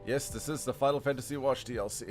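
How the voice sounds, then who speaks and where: A man streams a game and chats casually with his viewers, rambling, laughing often and talking straight to chat. His voice is medium-pitched and fast, and game music plays beneath it throughout.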